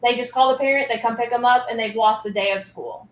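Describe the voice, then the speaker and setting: In an echoey room with slight background noise, a woman guest explains school nursing during a relaxed podcast interview. Her fairly high voice moves quickly, cheerful and full of fillers, as she represents a school health program.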